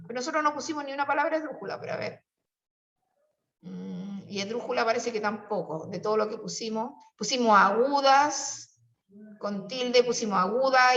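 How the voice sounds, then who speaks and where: A woman's voice: fairly high pitch, fairly bright tone. A Chilean woman teaching a class, explaining patiently and coaxing her students with questions. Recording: distant, roomy and dull-sounding.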